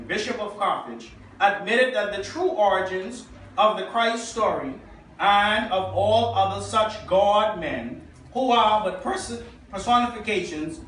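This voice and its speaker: High-voiced Bahamian preacher in an echoey church. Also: male voice, fairly bright tone, distant mic, a little hiss or hum. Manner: preaching, reading quotations aloud, asking the congregation. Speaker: pastor. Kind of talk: sermon. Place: church hall.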